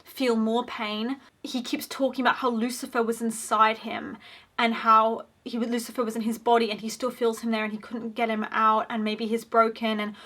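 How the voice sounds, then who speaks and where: Bright, chatty young woman commentator. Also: fairly high pitch, level tone, moderate pace. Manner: chatty, frequent "like" fillers, opinionated. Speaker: video essayist. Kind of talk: casual commentary.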